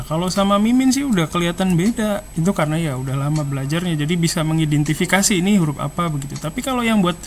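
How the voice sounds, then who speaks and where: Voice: medium pitch, a little hiss or hum. Chatty language teacher drilling syllables. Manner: chatty, demonstrates syllables slowly and repeats them. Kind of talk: casual online lesson.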